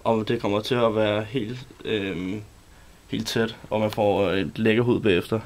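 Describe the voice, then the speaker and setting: A man from Denmark, a barber, explaining his work haltingly with many fillers while he shaves a guest in a radio studio. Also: fairly low pitch, steady tone. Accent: Danish.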